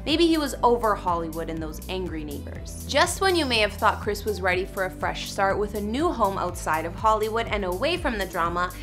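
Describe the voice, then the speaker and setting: A woman's voice: mid-range voice, sing-song, a little fast, hardly any pauses, music in the background. A young woman hosting a celebrity gossip segment, narrating in a chatty scripted way with sarcastic asides.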